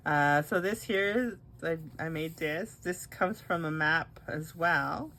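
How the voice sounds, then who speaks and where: A woman with a low voice and a lingering cold chats through a craft show-and-tell. She rambles, restarts her sentences and fills the gaps with "uh" as she goes. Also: slow, sharp tone, slight background noise. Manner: chatty, rambling, frequent restarts and "uh". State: has a cold, coughing and hiccups. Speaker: craft video host.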